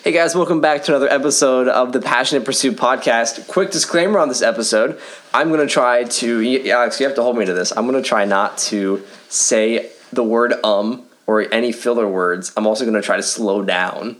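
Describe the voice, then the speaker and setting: Fast-talking man co-hosting a podcast. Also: medium pitch, fairly bright tone. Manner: fast-talking, laughs often. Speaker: podcast co-host. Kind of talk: casual chat. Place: living room full of pillows.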